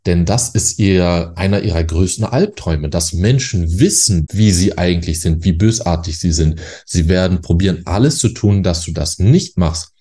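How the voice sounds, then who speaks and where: Low, dark-voiced man giving direct advice. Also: normal speed, hardly any pauses. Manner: earnest, direct second-person address. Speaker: psychological counselor. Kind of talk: advice monologue to camera.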